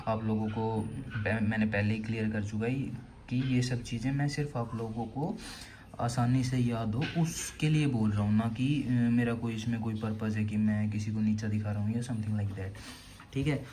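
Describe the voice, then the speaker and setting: A man's voice: fairly low pitch, steady tone, moderate pace, dark tone, a little hiss or hum. A young man teaching vocabulary for exams. He explains memory tricks and keeps saying "theek hai" between points. He asks his own questions and answers them. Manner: explains with mnemonics, says "theek hai" constantly. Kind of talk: online vocabulary lesson.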